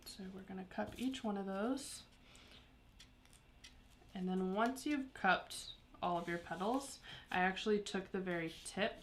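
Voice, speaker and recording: A woman's voice: medium pitch, measured pace, pauses often, a little hiss or hum. A woman teaching a paper craft live, explaining each step in an easygoing way with small laughs. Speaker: craft instructor. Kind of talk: live craft tutorial chat.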